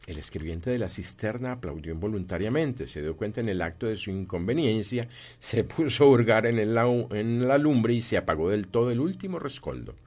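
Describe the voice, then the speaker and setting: A man narrating a classic tale in an audiobook, reading in a steady storytelling manner. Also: lowish voice, a little fast, hardly any pauses.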